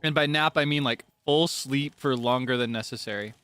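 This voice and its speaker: Here a male VTuber streams a game, bantering in a relaxed, playful way with his audience. His voice sits at a medium pitch with a moderate pace and a sharp, clean tone, with no room sound, and game music runs underneath.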